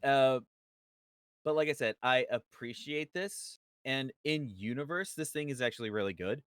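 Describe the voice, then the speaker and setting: Smooth-voiced guy weighing his opinion. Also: mid-range voice, moderate pace, a bit bright, dry recording, clean studio sound. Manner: reasoned, hedging with ums, swears casually. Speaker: podcast guest. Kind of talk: casual chat.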